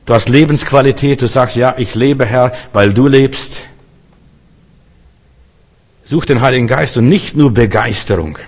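A man preaching a sermon with a steady mid-range voice, talking to each listener directly and acting out the lines he quotes. His voice carries a long reverb, like a large hall. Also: mid-range voice.

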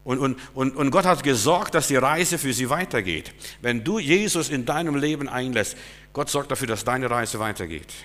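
A male preacher giving a sermon, emphatic and swinging between loud stresses and quiet asides. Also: mid-range voice, moderate pace, in a large hall.

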